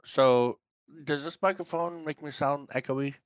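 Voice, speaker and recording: A man's voice: a little high, smooth, dry recording. Man on a tin-can-phone headset mic. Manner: cuts in with quick questions. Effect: thin headset mic sounding like a tin can phone. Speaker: podcast co-host. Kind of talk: casual chat. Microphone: headset microphone. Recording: dull, lo-fi compressed headset mic.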